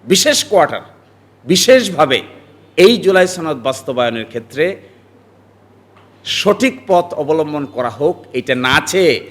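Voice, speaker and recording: A man in his forties, a lawyer from Bangladesh, giving emphatic political commentary that rises into forceful outbursts. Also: on the high side, very animated, a little slow, long pauses.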